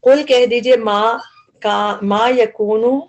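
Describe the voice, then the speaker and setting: A woman's voice: a little high, steady tone, takes it slowly, muffled recording. A woman with an Urdu accent teaching a word-by-word translation lesson, explaining grammar patiently and repeating each word.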